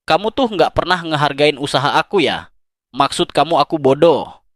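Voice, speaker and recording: A whiny, manipulative partner, put on by a male narrator sounds aggrieved and self-pitying. The voice sits a little high and accuses the listener. The sound is dry and close. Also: animated, moderate pace, no room sound, close to an everyday voice.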